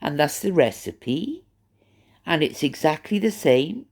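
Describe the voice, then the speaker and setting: This Welsh vlogger has a mid-range, gravelly voice with a darkish tone, animated but unhurried. Hosting the channel, the speaker gives rambling gossip commentary to camera, chatty and halting, often repeating words while thinking aloud.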